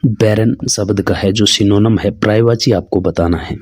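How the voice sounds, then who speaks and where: A man's voice: on the low side, steady tone, normal speed, darkish tone, breathy edge, no room sound, clean studio sound. A man teaching an exam-prep English lesson, who asks questions and answers them himself. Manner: calls listeners "friends", asks and answers his own questions.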